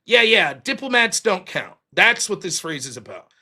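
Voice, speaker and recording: Hosting his own political livestream, this man walks through a legal interpretation step by step in an argumentative, emphatic manner. His voice sits high and bright with a forceful edge, very animated, at a normal speed.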